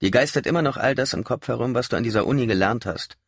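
A man voicing a fierce militant woman who leads a revolutionary cell, loud and biting in her mockery. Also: medium pitch, quick pace, breathy edge, no echo, studio quality, voice pushed up. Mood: scornful.

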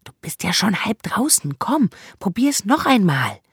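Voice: mid-range voice, very animated, measured pace, slightly rough, dry recording, clean studio sound, voice pushed up, exaggerated voice. A narrator voicing a bold, fearless young girl who urges a boy on in an audiobook. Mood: coaxing. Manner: urging, bright and teasing. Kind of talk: audiobook character voice.

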